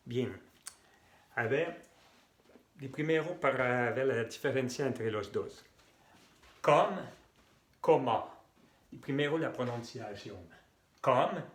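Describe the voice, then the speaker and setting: A man whose first language is French, giving an informal lesson and repeating words slowly and carefully to model pronunciation. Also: medium pitch. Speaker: French tutor. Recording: echoey room.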